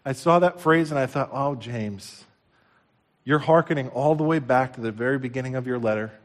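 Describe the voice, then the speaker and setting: A man preaching a sermon in an emphatic, exhorting manner with repeated phrases, swinging between quiet asides and loud exclamations. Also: mid-range voice, moderate pace.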